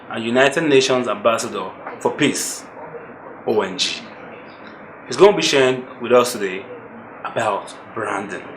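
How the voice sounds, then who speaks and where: A man's voice: medium pitch, a bit bright, slight background noise. A man hosting an interview, eager and encouraging, often reacting with "wow". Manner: enthusiastic, frequent "wow" and "yeah". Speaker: interviewer host. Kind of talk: show host interviewing. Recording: echoey room with faint background.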